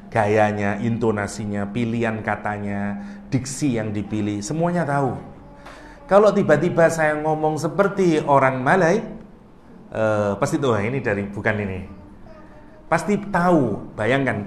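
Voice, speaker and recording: A man teaching a relaxed religious study session, explaining with everyday comparisons, stumbling over and restarting words, chuckling at his own jokes. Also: medium pitch, echoey room, a little hiss or hum.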